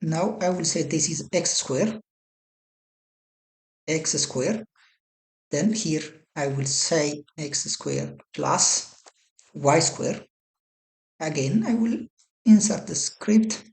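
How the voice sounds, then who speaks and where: A software tutorial presenter walking through a program step by step, often hunting for words and correcting themselves mid-phrase. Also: medium pitch, expressive, roomy sound. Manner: halting, searches for words, repeats "some kind of". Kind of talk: screen-recorded software walkthrough.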